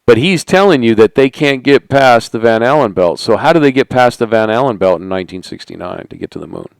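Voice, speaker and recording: A middle-aged man holding a conspiratorial monologue, asking rhetorical questions and sinking into quiet asides. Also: medium pitch, animated, fairly quick, vocal fry, clear, resonant tone, no echo. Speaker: channel host. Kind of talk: monologue to camera.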